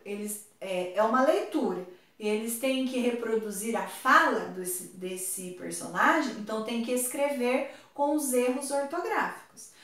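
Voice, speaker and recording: Slow, patient woman teacher in echoey room. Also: on the high side, fairly bright tone. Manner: slow, patient, drawn-out words for pupils. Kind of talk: online class explanation. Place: home room on a video call. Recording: very echoey room, far from mic.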